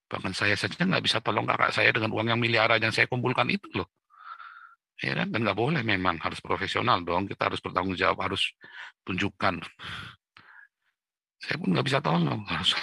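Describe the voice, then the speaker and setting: Middle-aged male pastor, gravelly voice, raspy edge, blunt rhetorical preaching. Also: medium pitch, dry recording. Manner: forceful, blunt, keeps asking "right?". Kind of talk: morning devotional sermon.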